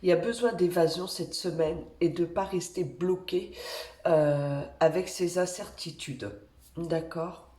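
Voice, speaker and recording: A woman with a cold speaks slowly and softly in a lowish voice, with some reverb. As an energy healer offering weekly card guidance, she is gentle and reassuring, pausing often as she draws cards. Her delivery is hesitant and full of fillers.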